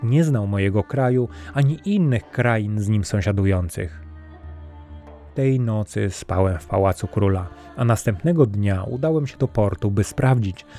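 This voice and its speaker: A man reading a fairy tale as scripted storybook narration, calm and even. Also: fairly low pitch. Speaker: audiobook narrator.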